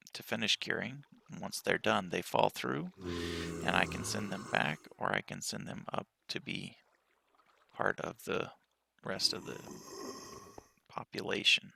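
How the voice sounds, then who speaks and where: A man giving a relaxed tour of his game world with a just-woken-up morning voice, pausing often and speaking softly. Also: deep voice, gravelly, slight background noise. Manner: relaxed walkthrough with frequent pauses and fillers. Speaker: game player.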